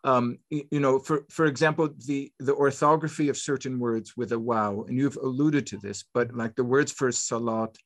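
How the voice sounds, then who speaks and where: A man's voice: mid-range voice, fairly even intonation, moderate pace, few pauses. Hesitant man hosting an interview. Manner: hesitant, searching for words. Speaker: host. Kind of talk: interview questions.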